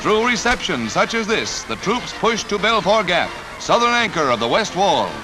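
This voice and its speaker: 1940s newsreel narrator, man, high-ish lively voice, punchy and wry, music bed behind. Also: normal speed, poor audio. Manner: punchy announcer delivery with wry quips. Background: music score.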